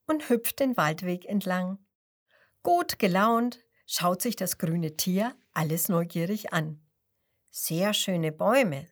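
A woman narrating a children's story gently, speaking to the child listening. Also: fairly low pitch, husky.

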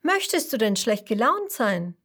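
A woman voicing a cheerful, friendly male fish who never loses his good mood, asking gentle, kindly questions in a children's story. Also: a little high, big pitch swings, a little slow, breathy edge, heavily acted.

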